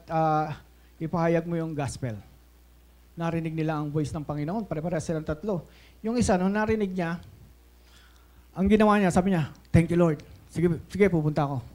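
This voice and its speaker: A Filipino man preaching a sermon as pastor, mixing English into his talk, often checking in with "Okay?" and acting out little scenes. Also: a little high. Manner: switches between Tagalog and English, asks "Okay?" often; lively, acts out voices in stories.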